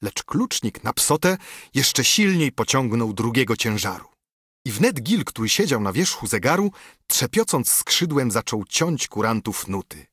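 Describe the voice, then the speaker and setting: A man narrating an epic poem in verse, reading in a measured, rhythmic way. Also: mid-range voice, sing-song, a bit bright, breathy edge, no room sound, studio quality.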